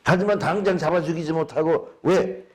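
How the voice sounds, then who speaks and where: A man's voice: fairly high pitch, normal speed, a little mellow. A male pastor preaching a sermon in an emphatic way, asking the congregation rhetorical questions.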